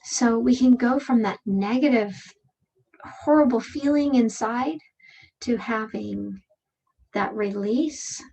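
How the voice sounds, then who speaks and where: A woman giving a calm motivational presentation, speaking gently and reflectively with slow phrasing and pauses. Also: a little high, creaky, breathy edge, rough recording. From Canada. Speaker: speaker and workshop leader.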